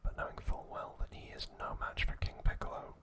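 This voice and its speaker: Whispering softly with a breathy quality, a man narrates trivia as ASMR content. He reads with deliberation, pausing between short fragments.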